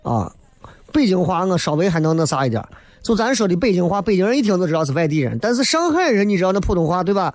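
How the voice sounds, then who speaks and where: A man's voice: sits high, very animated, fast talker, no room sound. A man from Xi'an with a Shaanxi accent, hosting a humorous, colloquial monologue and slipping into mimicry for comic effect. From Xi'an, Shaanxi, China. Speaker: comedy show host. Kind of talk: humorous observational monologue on local dialect and city life.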